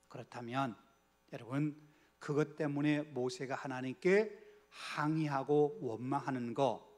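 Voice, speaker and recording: A pastor with a mid-range voice leads a Bible study sermon in a church, speaking earnestly and posing rhetorical questions to the congregation, at times dropping almost to a whisper.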